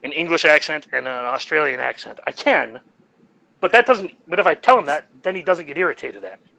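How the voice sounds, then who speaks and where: A man's voice: on the high side, expressive, fairly quick, gravelly, pushed and bright, no room sound, dull audio. A man co-hosting a podcast in casual chat, rambling and jokey. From United States. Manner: rambling and jokey, laughs at his own jokes. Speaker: podcast co-host.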